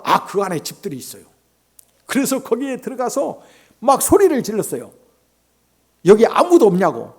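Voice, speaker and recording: A male missionary preaches in a church, telling a story with a high, husky voice. His pitch leaps around with great animation. He swings between loud exclamations and soft, hushed asides. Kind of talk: sermon with personal storytelling. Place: church sanctuary.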